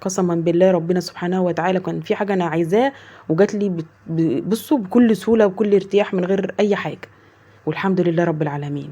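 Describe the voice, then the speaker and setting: A woman's voice: lowish voice, mellow, muffled recording. A woman in her thirties with an Egyptian accent, a mother chatting earnestly with her viewers, swearing oaths often and retelling conversations. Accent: Egyptian Arabic. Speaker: mother vlogger. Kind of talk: heartfelt casual chat to viewers.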